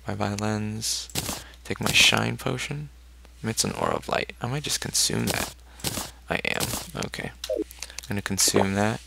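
Gravelly-voiced man narrating his gameplay. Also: fairly low pitch, a little slow, pauses often. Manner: chatty, thinks aloud, talks to his character. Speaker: let's play gamer. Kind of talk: casual gameplay commentary. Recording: noisy home recording with keyboard clicks. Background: loud keyboard clicks and typing.

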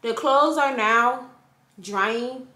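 A young woman chatting to camera in a casual home vlog, slangy and animated as she talks through her cleaning in her apartment. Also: fairly high pitch, extremely slow. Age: young adult. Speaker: lifestyle vlogger. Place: apartment kitchen and living room, indoors. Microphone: handheld or propped camera at close range. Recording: echoey apartment room, faint ambience.

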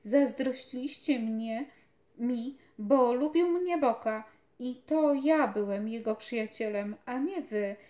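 A woman voicing a small, feverish, delirious boy soldier who shouts loudly in a storybook reading, recorded in an echoey room. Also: a little high, slow. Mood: feverish shouting. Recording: roomy echoey home recording.

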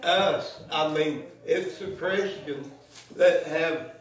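Slow, chuckling church man. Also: fairly high pitch. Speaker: closing speaker at a church service. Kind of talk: folksy church exhortation. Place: church sanctuary. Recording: echoey church from a distance.

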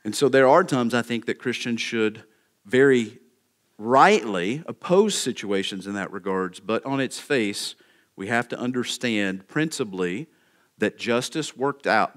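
A man's voice: medium pitch, animated, unhurried, a bit bright. A male pastor preaching a sermon, laying out numbered points with emphasis and checking in with the congregation by asking "okay?".

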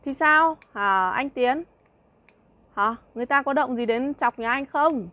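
A woman's voice: high voice, lively intonation, measured pace, bright, forceful tone, dry recording, highs cut off. A young woman vlogger in a heated monologue, mocking a rival with scornful jabs, laughter between lines and repeated rhetorical questions.

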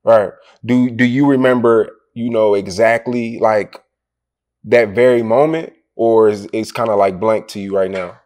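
Rambling low-voiced male interviewer. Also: fairly even intonation, unhurried, a little mellow. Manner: rambling, many fillers and restarts. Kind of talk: casual interview.

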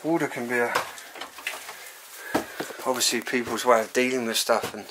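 A man's voice: medium pitch, fairly even intonation, moderate pace. A young man giving a casual walk-through commentary to viewers while exploring. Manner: chatty, addresses viewers as guys. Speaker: urban explorer vlogger. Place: cluttered abandoned house indoors. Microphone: handheld or body camera. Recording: noisy handheld camera audio.

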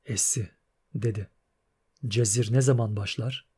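A man voicing a grim male monster hunter who speaks in low, clipped lines in an audiobook. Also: fairly even intonation, measured pace, warm tone, breathy edge. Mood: calm, terse.

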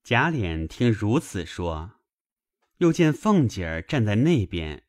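语调起伏的男声古典小说朗读. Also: male voice, on the low side, dry recording, studio quality. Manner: measured, expressive storytelling. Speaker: narrator. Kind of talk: reading a classic novel aloud.

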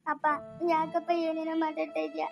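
Very high-voiced pleading woman. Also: completely flat delivery, a little fast, gravelly, dull audio, faint music behind. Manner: anxious, pleading. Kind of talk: family village drama.

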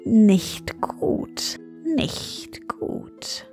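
A woman voicing a grumpy old woman who guards an enchanted castle. She talks unhurriedly and quietly reproachful. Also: medium pitch, animated, slow pace, gravelly, soft background music.

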